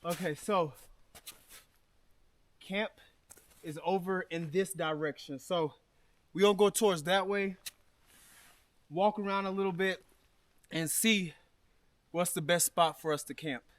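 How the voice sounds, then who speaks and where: In a dry recording, a man from Alabama speaks in a high voice at a measured pace with long pauses. He's vlogging a solo hike through snowy mountains, emotional and grateful as he addresses his viewers.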